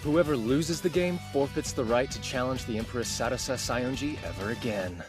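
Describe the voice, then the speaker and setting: A man's voice: medium pitch, moderate pace, music in the background, close to an everyday voice. A man playing a cocky, blunt teenage boy in an anime dub, speaking casually with a taunting edge. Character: cocky, blunt teenage boy, top-ranked game player.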